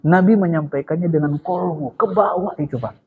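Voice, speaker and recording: A male preacher delivers a lively sermon and turns often to his listeners. His voice is husky and sits a little high. It sounds dull and lo-fi, with long reverb from the hall around him. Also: moderate pace. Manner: lively, addresses listeners directly as sir, chants God's name. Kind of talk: sermon to a study gathering. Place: religious study gathering hall.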